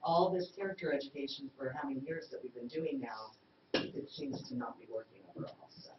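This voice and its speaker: A woman's voice: a bass voice, brisk. Insistent woman in an echoey board meeting. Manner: insistent, defensive, firm. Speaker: school board member. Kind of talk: debating at a public school board meeting. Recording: echoey, dull sound from a distant mic with noise.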